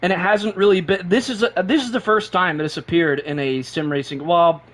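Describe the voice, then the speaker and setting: High-voiced, excitable male streamer. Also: a little fast. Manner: excitable, rambling, repeats himself. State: short on sleep and caffeinated. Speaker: sim racing live streamer. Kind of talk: excited live-stream chat.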